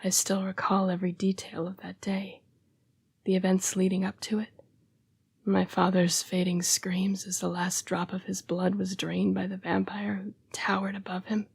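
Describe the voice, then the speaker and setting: In an intimate, dramatic audio roleplay monologue, a woman plays a young female vampire, speaking in a soft, breathy half-whisper at medium pitch with a completely flat delivery. Gentle, earnest and apologetic, she halts as she struggles against bloodlust, sounding haunted and sorrowful.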